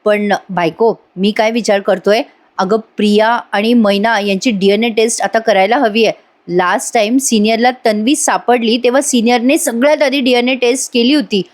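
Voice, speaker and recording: A woman's voice: on the high side, fairly even intonation, normal speed, close to an everyday voice. A woman voicing a teasing young husband who jokes with mock alarm in a TV serial recap. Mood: earnest. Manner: joking, mock-alarmed exclamations.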